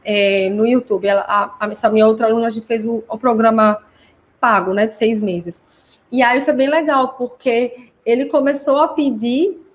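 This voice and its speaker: At a moderate pace and with fairly even intonation, a woman with a slightly high voice and a Brazilian Portuguese accent hosts a live class for parents. As a parent educator, she talks things through casually, uses lots of examples, and often adds tag questions.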